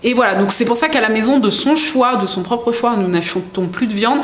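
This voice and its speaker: A woman's voice: a little high, fairly quick. A woman vlogging an unboxing in a casual, rambling way, full of fillers and self-corrections. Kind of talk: casual chatty product unboxing. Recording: echoey room with faint background noise.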